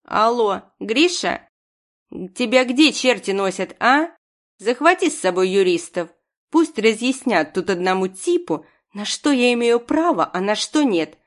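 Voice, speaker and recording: A woman's voice: a little high, very animated, measured pace. A woman voicing a commanding old woman doctor who barks orders in an audiobook. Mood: imperious. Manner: commanding, barking. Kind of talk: audiobook character voice.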